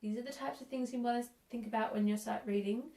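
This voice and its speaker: A woman teaching a music lesson for young children, counting in and praising warmly. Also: on the high side, steady tone, quick pace. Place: room at home. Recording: echoey room, a bit distant.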